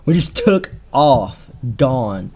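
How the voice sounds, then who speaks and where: A man's voice: mid-range voice, very animated, drawn-out words, warm tone, breathy edge. A teenage man telling a rambling, slangy story on a casual podcast, with lots of fillers and restarts. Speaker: podcast co-host.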